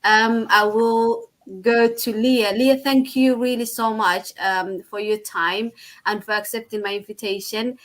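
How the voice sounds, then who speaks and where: A woman from Somalia hosting a live online talk, pausing often with many ums. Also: a little high, steady tone, low-quality recording. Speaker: host. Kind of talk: live video chat hosting.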